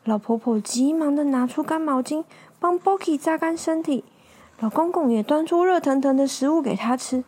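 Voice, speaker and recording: A woman telling a children's story, animated and asking her young listeners to join in. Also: high voice, normal speed.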